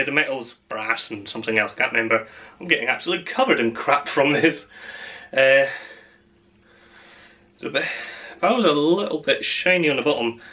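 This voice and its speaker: A man chats through an unboxing in a relaxed, meandering way. His voice is bright and sits at an ordinary pitch for a man. He laughs easily and teases himself between thoughts. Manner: rambling, chatty, self-mocking, laughs often. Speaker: channel host. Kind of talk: casual unboxing vlog.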